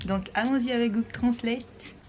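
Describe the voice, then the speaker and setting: A woman vlogger explaining English pronunciation in a casual talk, repeating words slowly and patiently. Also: a little high, fairly even intonation, darkish tone, slight background noise.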